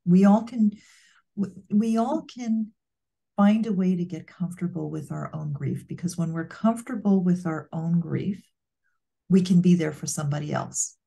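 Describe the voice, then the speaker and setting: A woman's voice: lowish voice, normal speed, gravelly, dark tone. A woman co-hosting a casual heart-to-heart conversation, speaking earnestly and reflectively. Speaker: co-host.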